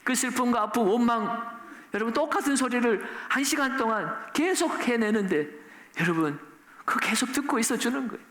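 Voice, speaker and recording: High-voiced pastor preaching in an echoey church. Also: male voice, lively intonation, brisk, a bit bright. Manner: earnest preaching, often asks the congregation rhetorical questions. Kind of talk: sermon. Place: church sanctuary.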